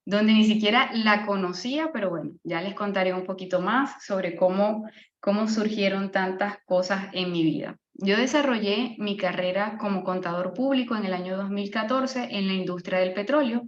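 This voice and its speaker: A woman's voice: medium pitch, echoey room, dull audio. A Venezuelan woman from Maracaibo in her thirties, sharing a personal faith testimony in an online session, earnest, with fillers and restarts. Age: 30s. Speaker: speaker giving a testimony on a live online session.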